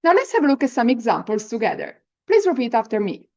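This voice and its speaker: A woman giving an encouraging language lesson on rolling the R, sounding out example words deliberately as a teacher. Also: a little high, big pitch swings, a little mellow, muffled recording. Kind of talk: pronunciation lesson with slow, repeat-after-me example words.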